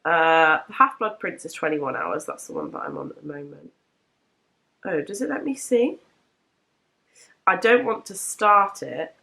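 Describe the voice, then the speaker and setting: A woman's voice: low-pitched, big pitch swings, a little slow, creaky, long pauses, bright, forceful tone. A young woman chatting casually to camera about the books she has read, her voice nasal from a cold, rambling and correcting herself as she goes. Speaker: book vlogger.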